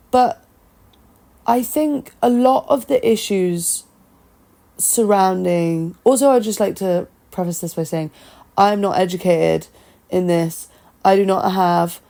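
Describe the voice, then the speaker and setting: Low, creaky-voiced woman thinking aloud. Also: warm tone. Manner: candid, self-deprecating, hesitant, thinking aloud. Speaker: podcast host. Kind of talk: informal solo opinion talk. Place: at home. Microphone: talking into a phone, no studio.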